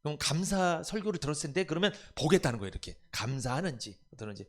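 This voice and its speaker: 활기찬 남자 목사의 설교. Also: male voice, fairly high pitch, fast talker. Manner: animated, acts out family members' voices, rhetorical questions to the congregation. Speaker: pastor. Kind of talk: sermon. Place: church sanctuary.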